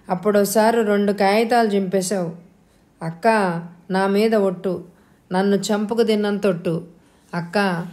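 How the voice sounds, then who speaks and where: A woman's voice: mid-range voice, darkish tone, close to an everyday voice. A woman reading an audio novel, voicing an anxious young student begging her elder sister and mother. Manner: pleading, anxious.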